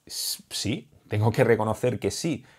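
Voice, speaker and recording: A man's voice: fairly low pitch, lively intonation, unhurried, darkish tone, breathy edge. A young man with a Spain Spanish accent, a dating coach talking straight to camera in an emphatic, heated and repetitive vlog monologue.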